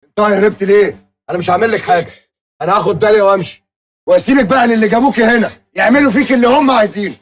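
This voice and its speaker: A man's voice: sits high, rapid-fire. An actor playing a hard-nosed male boss who questions a young woman in a blunt, mocking, commanding way, with an Egyptian accent. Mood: stern questioning.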